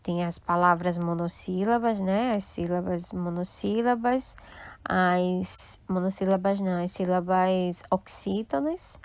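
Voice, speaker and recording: A woman's voice: on the low side, measured pace, darkish tone, smooth, no echo. A woman teaching a recorded class, explaining step by step and checking often that the students follow. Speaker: Spanish teacher.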